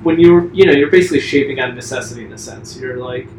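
A man's voice: mid-range voice, fast talker, a little mellow. Chatty interviewer man in an echoey room. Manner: chatty, loose, with lots of "like" and restarts. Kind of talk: casual conversational interview. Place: echoey shaping room indoors. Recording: echoey room recording with faint noise.

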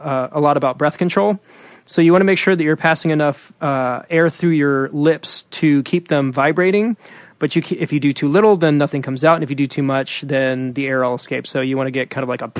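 A man co-hosting a casual chat, explaining singing and warm-ups in a rambling way with many fillers and restarts. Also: fairly high pitch, no room sound, clean studio sound. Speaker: singer and podcast co-host.

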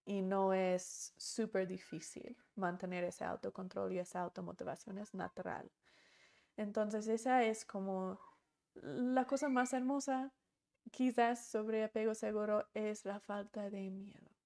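A woman teaching a course lesson, acting out little everyday scenes in a soft, reassuring way. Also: mid-range voice, steady tone, unhurried, creaky. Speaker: course instructor.

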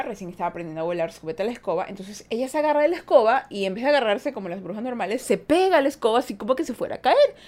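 A woman hosts her own podcast in a relaxed, chatty monologue. Her voice sits at a middle pitch. She tells a story in an animated way and acts out the characters' quoted lines. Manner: animated retelling with acted-out quotes. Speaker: podcast host.

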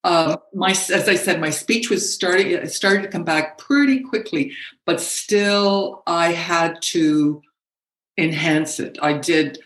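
Middle-aged woman chatting as a guest, halting starts, laughs a lot, roomy echo. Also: fairly low pitch. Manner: animated, laughs often, halting restarts. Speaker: guest, speaking coach. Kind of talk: conversational interview.

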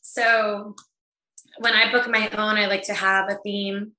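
A woman's voice: medium pitch, level tone, measured pace, bright, forceful tone. A woman chatting as an interview guest over a video call, talking in a laid-back way and laughing often. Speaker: guest, event planner. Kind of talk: casual interview chat. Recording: echoey room.

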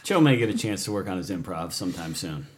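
Teasing man with a lively voice. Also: low voice, quick pace. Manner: teasing questioner. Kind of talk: casual group chat.

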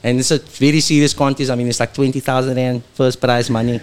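A man's voice: mid-range voice, flat delivery, fast talker, clean tone. A man in his early forties with a South African accent, a chef talking in a radio interview, fired-up and preachy, dropping "bruh" often. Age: 40s.

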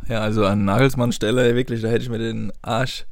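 A young man in his twenties hosting a podcast in relaxed, joking chat, often unsure of his answers. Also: mid-range voice, brisk, dry recording, studio quality. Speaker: podcast host. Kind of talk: casual chat.

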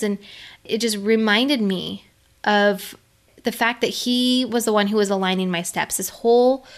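Earnest middle-aged woman giving a faith talk. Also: a little high. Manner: earnest, conversational, laughs now and then. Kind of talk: faith-based motivational talk.

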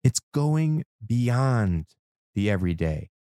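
A man performing a spoken-word poetry monologue as a host, with a dramatic, deliberate delivery in short measured phrases. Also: mid-range voice, sing-song, mellow, no room sound, studio quality. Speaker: podcast host.

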